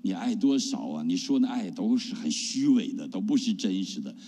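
Animated middle-aged preacher in reverberant hall. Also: male voice, sits low, moderate pace, slightly rough. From China. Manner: animated preaching with rhetorical questions. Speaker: pastor. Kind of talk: testimony sermon.

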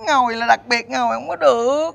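A performer playing a stammering, whiny son in a stage comedy sketch. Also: female voice, a little high, fairly quick, gravelly. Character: stammering frazzled grown son.

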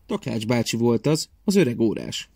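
Lively, expressive male storyteller. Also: mid-range voice, creaky, slightly rough, no room sound, studio quality. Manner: expressive, animated. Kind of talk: storybook reading for children.

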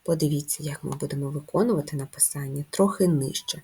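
A woman teaching young children to write letters, speaking slowly and gently with clear instructions. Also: low-pitched. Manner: slow, gentle and instructive, addressing young pupils. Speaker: primary school teacher. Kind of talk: children's handwriting lesson.

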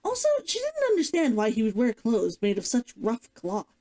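A woman's voice: fairly high pitch, wildly swooping pitch, normal speed, dark tone. A woman narrating a novel like an audiobook, reading expressively and dramatically as a streamer. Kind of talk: scripted storybook narration, audiobook-like.

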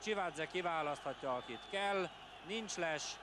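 Excitable man, high-pitched Hungarian football commentary. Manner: excitable, clipped player names, swings into exclamations. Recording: noisy vintage TV broadcast from stadium. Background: stadium ambience.

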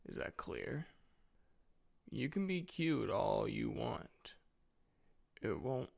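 Man playing a sleepy boyfriend, slow and creaky. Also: mid-range voice, wildly swooping pitch, heavily acted. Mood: gently firm, teasing. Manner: sleepy, drowsy, intimate, gently reassuring. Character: sleepy, tender boyfriend soothing his anxious partner at night. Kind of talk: boyfriend role-play audio.

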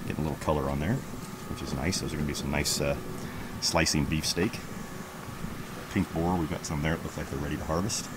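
A man in his thirties casually walking through his backyard garden, talking in a relaxed, rambling way with lots of fillers, filmed on a handheld camera outdoors. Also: a bass voice, fairly quick. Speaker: homesteading vlogger. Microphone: camera held at arm's length. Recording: outdoor background noise.

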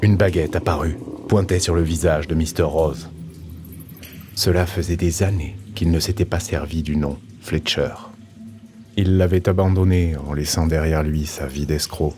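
A man narrating an audiobook in a steady, measured storytelling manner. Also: very deep voice, a little hiss or hum.

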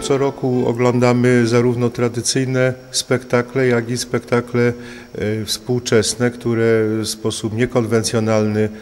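Middle-aged guy explaining the festival, slow hesitant fillers, handheld mic, echoey hall. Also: mid-range voice, completely flat delivery, over music. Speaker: festival organizer. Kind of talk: interview statement. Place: indoor hall, in front of a poster wall. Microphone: handheld mic held by a reporter. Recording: long hall reverb.

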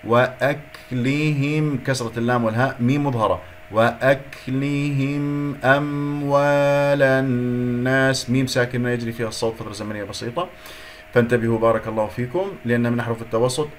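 A man teaching Quran recitation letter by letter. He chants words slowly and then explains the rules quickly. He often repeats words, corrects errors and blesses his listeners. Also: mid-range voice, a little hiss or hum. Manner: slow drawn-out recitation alternating with quick explanations.

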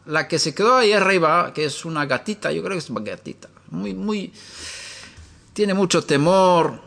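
A man's voice: high voice, animated, normal speed, creaky, a bit bright. A man preaching in a teaching style from a room upstairs in his home. He asks many rhetorical questions and tells homely stories.

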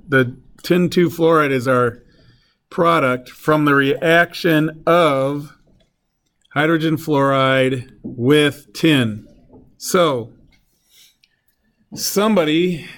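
Here a man with a medium-pitched, a bit bright voice lectures on chemistry. Working the problem in stages, he keeps asking his students questions.

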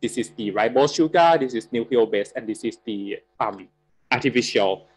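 A man in his thirties from Thailand, with a Thai accent, giving a university guest lecture over a video call, halting and full of fillers. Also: mid-range voice, poor audio. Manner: halting, many fillers and restarts. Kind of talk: academic lecture.

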